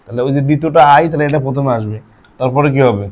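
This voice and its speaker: Male grammar teacher, talks it through question by question, mid-pitched. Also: racing, a little mellow. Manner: asks questions and answers them himself. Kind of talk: classroom lesson with asides and a told anecdote.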